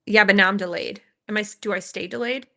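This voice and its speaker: A woman's voice: medium pitch, steady tone, quick pace, gravelly, pushed and bright. A woman hosting a casual live stream, chatting and laughing with her viewers while she reacts to videos and fixes her audio, heard through a laptop microphone at home. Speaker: livestream host reacting to videos. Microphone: laptop built-in microphone.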